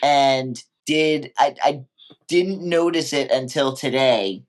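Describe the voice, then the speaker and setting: A man co-hosting a podcast, chatting casually and with lots of swearing while acting out characters' lines in quick bits. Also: mid-range voice. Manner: profane, animated, acts out characters' lines. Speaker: podcast co-host. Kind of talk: casual recap chat.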